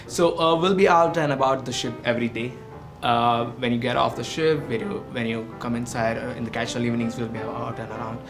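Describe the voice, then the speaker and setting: A friendly man talks easily about his photo studio, pausing on "uh"s. Clear background music runs under his mid-pitched voice. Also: steady tone. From India. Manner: friendly, with frequent filler "uh". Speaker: ship photographer.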